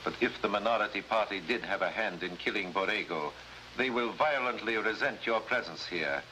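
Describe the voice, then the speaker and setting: A male supporting actor with a natural voice on the low side portrays a grave, cautious, formal Latin American head of government. His measured delivery suits the 1950s spy drama, captured on a noisy vintage broadcast recording.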